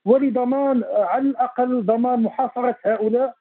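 A man speaking as a guest analyst in a TV debate, talking fast and insistently with restarts. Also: very high-pitched, husky. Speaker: guest analyst on Western Sahara affairs. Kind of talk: remote TV debate commentary. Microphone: phone line. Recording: tinny phone line.

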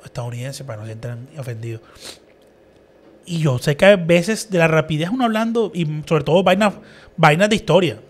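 A man hosting a casual podcast chat, animated and acting out the people in his stories. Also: a little high, fairly quick. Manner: animated storyteller, acts out quoted people. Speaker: podcast host.

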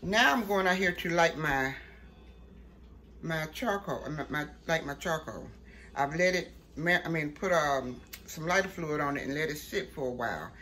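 A middle-aged woman hosts a casual home cooking demonstration, talking in a folksy way, checking in with the viewer, and often ending statements with "okay?". Her voice sits low, a bit bright, at normal speed. The noisy home video, with clear background noise, moves from her kitchen to an outdoor grill at night.

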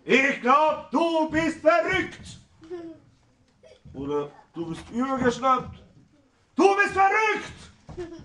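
Blustering old patriarch for a stage musical: very high, swooping, contained shouts, roomy theatre sound. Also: male voice, far from the mic, exaggerated voice. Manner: contained shouting, emphatic exclamations. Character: blustering old village father, indignant, patriarchal. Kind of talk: stage musical acting in German, spoken and half-sung.

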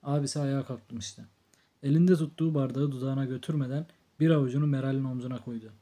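Calm guy reading an audiobook, mellow dark voice, steady pace. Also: mid-range voice, quick pace. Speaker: audiobook narrator. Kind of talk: audiobook narration.

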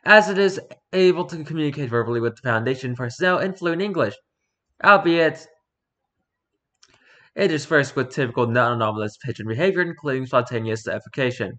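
A man's voice: mid-range voice, animated, fairly quick, fairly bright tone. A man casually reading a story document aloud and adding dry, sarcastic asides. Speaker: reader.

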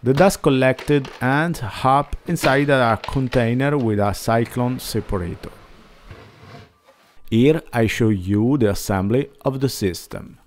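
Talking through a woodworking build, a man in his forties delivers a plain scripted narration with slightly non-native wording. He speaks unhurriedly at medium pitch, over faint background music and a little background noise.

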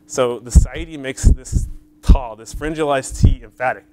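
A man's voice: medium pitch, moderate pace, dark tone. A man giving an academic conference talk, explaining step by step with frequent fillers and questions to the audience, in a lecture hall. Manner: explains step by step, checks in with "right?" and "okay?".

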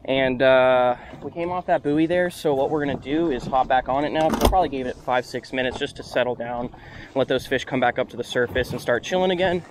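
A man's voice: mid-range voice, a little fast. A young man in a casual vlog, narrating to an action camera while he fishes from a small open boat. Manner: upbeat, talks to the camera while working the line. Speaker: fishing vlogger. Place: open flats boat on the water outdoors. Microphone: action camera mounted on the boat. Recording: wind and boat noise outdoors.

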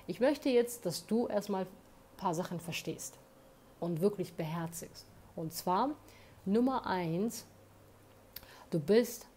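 An advice vlogger speaks directly into her phone camera in an indoor room, delivering an earnest, emphatic motivational monologue peppered with tag questions. Her voice is lowish and dark with vocal fry, and there's a little hiss or hum.

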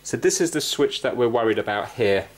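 Fairly quick and expressive, his medium-pitched voice carries a casual repair chat at an indoor workbench. He hosts this hobby video, thinking aloud while he works and often doubting himself along the way.

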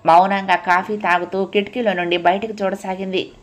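A woman reads a novel aloud in a steady, even storytelling voice. Her pitch sits in the middle for a woman. She keeps the narration calm and unhurried between the characters' lines. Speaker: audiobook narrator.

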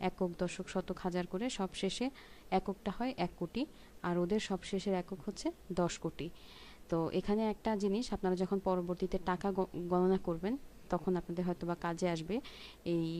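A woman giving a spoken language lesson, explaining patiently step by step and repeating pronunciations slowly. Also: medium pitch, warm tone, a little hiss or hum. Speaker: Korean language teacher.

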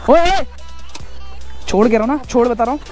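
High-voiced exasperated young man pleading. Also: lively intonation, moderate pace, music in the background. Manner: pleading, exasperated, trying to stop a fight. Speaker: motovlogger. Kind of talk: casual vlog argument.

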